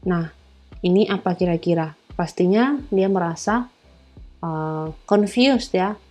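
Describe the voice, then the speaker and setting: Indonesian lady teaching english, slow and easygoing, lotsa fillers, bit of music behind. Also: lowish voice, a little mellow. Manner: explains in Indonesian with many fillers, reads English words slowly. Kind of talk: casual online lesson.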